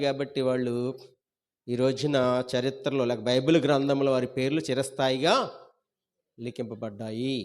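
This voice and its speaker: A male pastor with a Telugu accent preaching a sermon, asking the congregation questions and repeating key phrases. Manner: rises loud on key words, then drops low at line ends.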